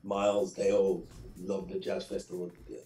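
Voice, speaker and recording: A middle-aged man from England, a radio show guest telling lively anecdotes with laughs and repeated phrases. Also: deep voice, moderate pace, roomy sound, faint music behind, poor audio. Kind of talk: casual interview storytelling.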